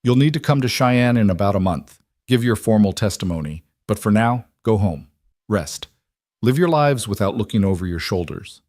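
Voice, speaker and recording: A man voicing a calm, firm federal marshal in a western tale. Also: lowish voice, moderate pace, no echo, clean studio sound, close to an everyday voice. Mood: warm. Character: stern, fair-minded federal marshal, grown man.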